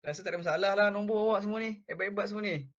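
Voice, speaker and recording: High-voiced tutor, dull lo-fi sound. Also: male voice. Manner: explains phrase by phrase, repeats words slowly, many "okay"s. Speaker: Mandarin language tutor. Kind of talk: relaxed classroom lesson.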